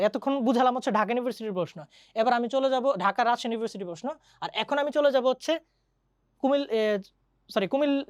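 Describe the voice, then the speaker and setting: A woman teaching an English grammar lesson, chatty and quick, often asking her students questions. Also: medium pitch, darkish tone, no echo, clean studio sound. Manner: mixes English grammar terms into Bengali. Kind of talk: online exam-prep lesson.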